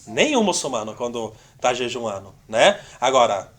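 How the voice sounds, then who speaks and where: Delivering an informal church teaching, a male discipleship teacher talks conversationally, dropping frequent "né?" tags and dramatizing brief quoted conversations. His mid-range voice has big pitch swings, a fairly bright tone and normal speed.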